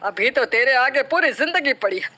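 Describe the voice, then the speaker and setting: Brief: woman doing a kind mother-in-law in a cartoon, motherly and soothing, high lively bright voice. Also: moderate pace, heavily acted. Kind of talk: cartoon voice acting.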